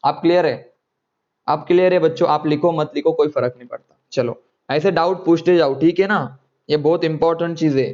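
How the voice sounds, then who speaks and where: A man's voice: a little high, brisk, darkish tone, muffled recording. Coaxing male chemistry teacher. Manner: coaxing, repeats words, checks students often. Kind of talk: online class lecture.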